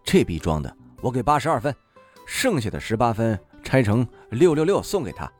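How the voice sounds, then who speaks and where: A man narrating a novel in the first person, wry and expressive. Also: medium pitch, moderate pace, faint music behind. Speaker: audiobook narrator.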